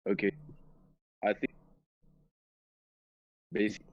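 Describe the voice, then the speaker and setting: A man's voice: slow, no echo. A man calling in by phone, his audio breaking up and cutting out as he hesitates and restarts. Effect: phone connection cutting out. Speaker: guest calling in. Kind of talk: casual chat. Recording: muffled dry phone audio.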